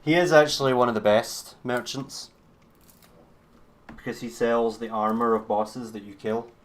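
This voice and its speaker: A man's voice: mid-range voice, steady tone, a little slow. A man streaming a game, giving laid-back, chatty commentary with a wry edge. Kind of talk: casual gameplay commentary.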